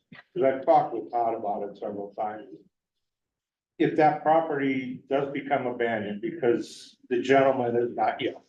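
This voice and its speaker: A man giving earnest, measured public comment at a town meeting, slowing down to stress his points. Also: medium pitch, a little mellow. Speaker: resident speaking at public forum. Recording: roomy, distant, dull town hall recording.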